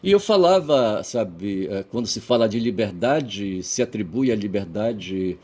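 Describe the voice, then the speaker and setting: A man with a Brazilian Portuguese accent and a somewhat low voice talks in a rambling, lecturing vlog monologue. He keeps checking in with "tá certo?" and "sabe?", letting his phrase endings fade, with the odd casual curse. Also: animated, a little slow. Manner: digressive, peppered with "tá certo?" and "sabe?", trailing off quietly at phrase ends. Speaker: vlogger.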